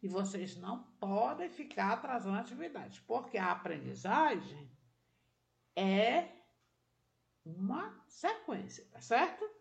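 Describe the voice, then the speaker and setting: A woman's voice: mid-range voice, sing-song, unhurried, creaky. A woman teacher giving a patient remote literacy lesson to children, walking through each step and checking that they follow along.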